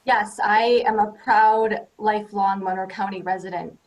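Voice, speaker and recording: A woman's voice: medium pitch, fairly even intonation, normal speed, dull audio. Friendly woman with many "um" fillers. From United States. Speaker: judicial candidate. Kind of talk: candidate forum answer.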